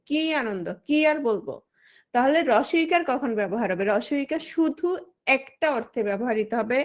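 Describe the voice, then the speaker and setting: A woman, likely in her thirties, leads an exam-prep class in a high, bright voice. She explains rules step by step, throws out questions and then answers them herself. She calls on individual students by name as she goes. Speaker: teacher. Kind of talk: online exam-prep lesson.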